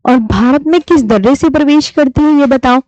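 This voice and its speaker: A woman teaching a live online class, patiently repeating key terms slowly for her students. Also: high-pitched, darkish tone, no echo. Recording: dull lo-fi stream audio.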